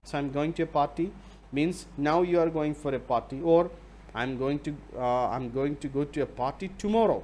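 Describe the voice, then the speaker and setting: Man lecturing super slowly, flips into malayalam a lot, faint noise behind. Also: on the high side, a little mellow. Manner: slow, deliberate, switches between English and Malayalam; explains through repeated examples. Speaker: university lecturer. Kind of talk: recorded bilingual lecture.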